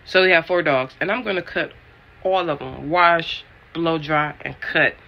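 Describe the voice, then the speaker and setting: A man's voice: fairly high pitch, unhurried, creaky, muffled recording. A man in his late twenties chatting animatedly to his viewers in a casual vlog, calling them y'all. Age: late 20s. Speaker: vlogger.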